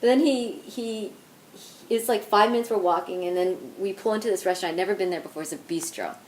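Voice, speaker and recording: A woman's voice: medium pitch, fast talker, a little hiss or hum, lightly acted, low-quality recording. An actress playing a young woman who tells a friend a long, rambling story, full of likes and ums, in naturalistic indie-film dialogue. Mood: animated.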